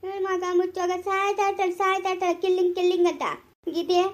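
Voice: very high voice, monotone, quick pace. A performer in a homemade rural family drama, quarrelling, scolding and wailing in turn. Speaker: actor in family skit.

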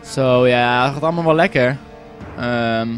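A young man giving casual, joking let's play commentary, excitable and quick to swear and shout at the game. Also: medium pitch, soft background music. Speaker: gaming commentator.

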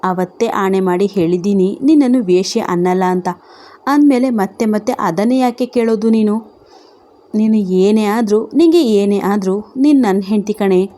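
A woman voicing a teasing, gruff young husband who is a businessman, scolding in mocking banter. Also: medium pitch, normal speed, dark tone, lightly acted.

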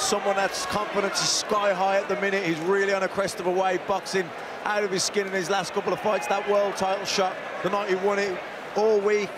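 A male co-commentator gives live boxing analysis in a high, evenly pitched voice. A very loud crowd roars behind him. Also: very noisy. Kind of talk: live sports punditry.

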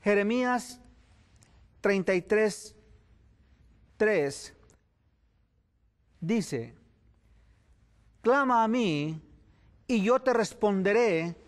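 A male evangelist with a high voice delivers a sermon at an unhurried pace, leaning on each phrase. He moves between prayer, scripture reading and pointed, emphatic questions. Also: lively intonation. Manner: slow, deliberate phrasing that climbs into emphatic questions. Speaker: evangelist preacher.

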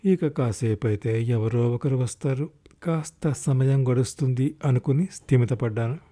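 A male storyteller giving a scripted audiobook reading in the first person. His pitch sits in the middle of the male range. He tells it slowly and reflectively, with a drawn-out delivery. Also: warm tone.

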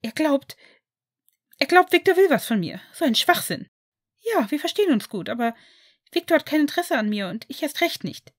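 A woman voicing an upset young woman who is fiery and quick-tempered, in an audiobook reading of fan fiction. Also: high-pitched, darkish tone, no room sound, studio quality, voice pushed up. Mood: exasperated. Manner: agitated, exasperated outbursts.

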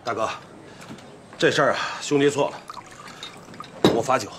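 An actor playing a sheepish, apologetic younger brother. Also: male voice, mid-range voice, moderate pace, lightly acted. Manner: apologetic, flustered. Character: sheepish man begging his elder brother's pardon. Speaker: second brother. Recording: noisy background.

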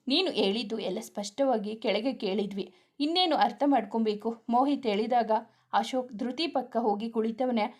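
A woman reads a serialized romance story aloud. Her voice sits somewhat high for a woman. She speaks every character's lines in much the same voice as her narration. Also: darkish tone.

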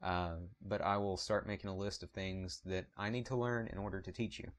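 A man's voice: low-pitched, fairly even intonation, fairly quick. A man with a Southern US accent hosting his photography channel, talking casually to camera in an apologetic, rambling way, recorded on a point-and-shoot camera mic.

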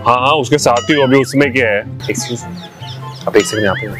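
A man's voice: mid-range voice, brisk, fairly bright tone, faint music behind. A young man pranking strangers in a park, cooing sweet baby talk to a supposed girlfriend on a video call and turning coaxing and sheepish with the people beside him. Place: outdoor park bench.

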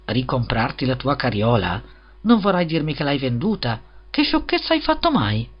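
A man's voice: mid-range voice, wildly swooping pitch, moderate pace, husky. Man voicing a greedy, preachy fairy-tale miller. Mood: affabile. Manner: wheedling, preachy. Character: greedy, self-serving, smooth-talking male miller. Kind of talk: storybook reading. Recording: slightly dull lo-fi recording.

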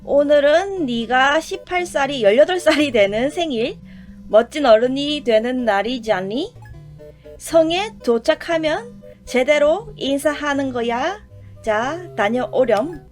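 A woman voicing a gentle storybook mother. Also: high voice, lively intonation, soft background music. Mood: tender. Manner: slow, tender storytelling delivery. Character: gentle storybook mother waking her child.

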